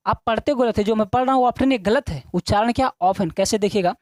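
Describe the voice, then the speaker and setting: This woman speaks a little high and quickly, her tone darkish, on a dry recording. She's teaching English in a classroom-style video, asking and answering her own questions, repeating every point, and calling her students children.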